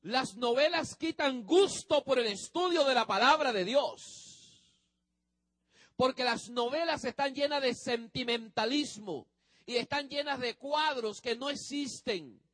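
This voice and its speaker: Male pastor, sermon, high-pitched voice, dry close sound, emphatic, drawn-out phrase endings. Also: fairly bright tone, no echo. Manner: emphatic preaching, addresses the congregation directly.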